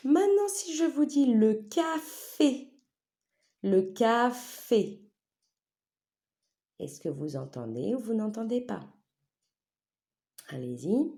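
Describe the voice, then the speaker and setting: A woman teacher, leading a phonics lesson for young children, stretching sounds slowly and often checking that they follow. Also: deep voice, creaky, dark tone. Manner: slow, exaggerated syllables with a wide smile; patient, checks understanding often.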